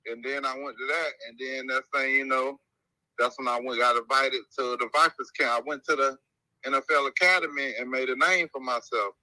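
A young man heard through a phone on speakerphone, held up to a microphone. His voice is sharp and very bright, with a dry sound. He rambles casually through his story, linking each event with "and then after that.". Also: medium pitch, steady tone, fairly quick, no room sound. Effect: phone call played over speakerphone held to the mic. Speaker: guest football player.

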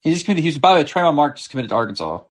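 A man's voice: a little high, big pitch swings, rapid-fire. A man co-hosting a sports podcast, talking casually and repeating words as he thinks. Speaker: podcast co-host.

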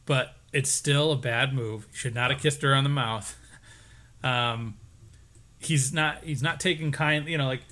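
Male podcast co-host, casual episode recap, lively, playful asides, chuckles, mid-pitched voice. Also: measured pace.

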